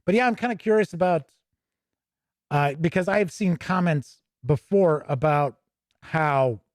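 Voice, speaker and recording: A man with a fairly high voice, speaking at a measured pace, flips through a book and offers chatty, off-the-cuff commentary as host of a tabletop gaming show. The sound is clean studio audio with no room sound.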